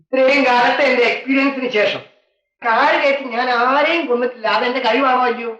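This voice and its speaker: A man's voice: very high voice, fairly even intonation, a little fast, sharp tone. An actor playing a proud driver bragging that he has never run anyone over. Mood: boastful. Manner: boastful, dry. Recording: distant echoey dull 1970s film audio.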